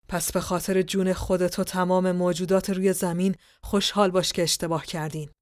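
Woman doing raspy ancient dream king, cold and scornful, low, dry close sound, storybook podcast. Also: no room sound, lightly acted. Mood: menacing. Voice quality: raspy, ringing voice. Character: Morpheus, ancient vengeful male dream king.

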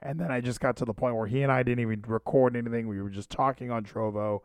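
A man's voice: mid-range voice, fairly even intonation, fast, no room sound, clean studio sound. A man hosting a podcast in casual, rambling chat, often interrupting and repeating himself. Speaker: podcast and livestream host. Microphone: handheld microphone.

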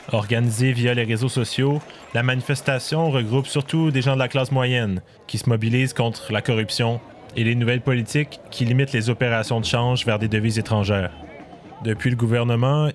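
A man delivering scripted documentary narration in a measured, explanatory way. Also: mid-range voice, no room sound, studio quality. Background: faint music.

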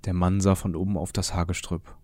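A man narrating an audiobook in an even, calm voice. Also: low-pitched, fairly quick, no echo, studio quality. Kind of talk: audiobook reading.

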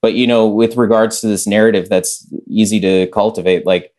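Man, deep voice, podcast guest, casual rambling talk, lots of fillers. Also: fairly even intonation, moderate pace, a little mellow. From United States. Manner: rambling, heavy on filler words. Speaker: podcast guest, chess master. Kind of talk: casual conversation.

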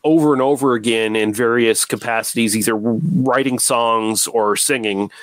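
A man's voice: mid-range voice, fairly even intonation, moderate pace, no echo. A man hosting a podcast, rambling and teasing his co-hosts in casual chat. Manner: rambling, laid-back, teasing. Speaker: podcast host.

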